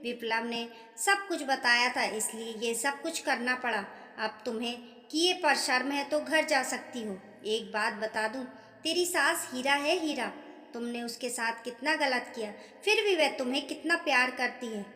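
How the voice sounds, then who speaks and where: A woman's voice: high voice, measured pace, pushed and bright. Woman doing a firm old village grandmother. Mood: lecturing. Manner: firm, lecturing. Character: stern but kind village grandmother. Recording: echoey room with long reverb.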